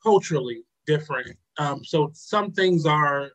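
Male talk host, slightly higher voice, halting and filler-heavy delivery. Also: animated, fairly bright tone, poor audio. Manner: hesitant, many ums and uhs. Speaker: radio show host. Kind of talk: casual reflective talk.

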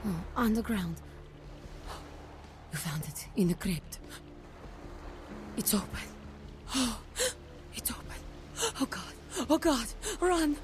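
Dark, mellow, eerie young seer. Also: female voice, fairly low pitch. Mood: frantic, haunted. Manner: eerie, halting, prophetic, speaking in riddles. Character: cryptic, troubled young female seer telling dark fortunes. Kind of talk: dramatic video game acting. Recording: noisy, with background ambience.

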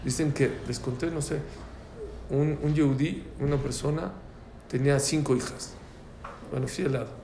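A man teaching a religious class on prayer, telling stories in an animated way. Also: mid-range voice, moderate pace, pauses often, a little hiss or hum. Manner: animated storyteller. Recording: echoey room.

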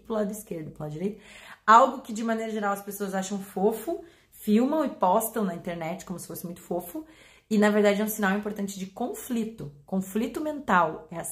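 Animated Brazilian woman explaining pet behavior. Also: mid-range voice. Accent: Brazilian Portuguese. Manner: animated, acts out examples with voice changes. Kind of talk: explanatory talk to an audience.

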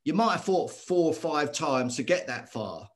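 A middle-aged man, a former boxer telling his story as a guest in earnest, animated talk that circles back on itself. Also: on the high side, normal speed. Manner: earnest, animated, repeats himself. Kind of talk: conversational storytelling.

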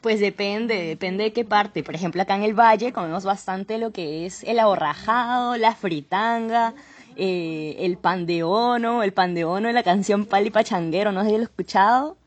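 A woman's voice: mid-range voice, moderate pace, lightly acted. A woman voicing a chatty female celebrity from Cali with a sing-song Cali Colombian accent, in an improvised comedy interview. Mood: breezy. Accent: Cali Colombian (put on). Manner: sing-song, laid-back, flattering.

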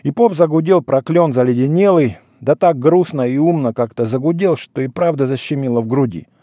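A man narrating a literary short story in a measured, expressive way. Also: medium pitch, no echo, clean studio sound.

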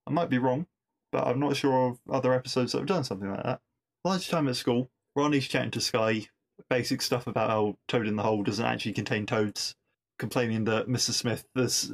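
A man hosting a podcast, casually recapping a TV episode with wry asides and frequent restarts. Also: mid-range voice. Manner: chatty, wry asides, repeats words while thinking. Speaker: podcast host reviewing episodes.

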